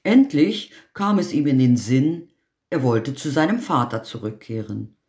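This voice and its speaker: A man reading a fairy tale aloud as narrator, in a slow, measured storytelling manner. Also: medium pitch, animated, darkish tone. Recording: roomy echo.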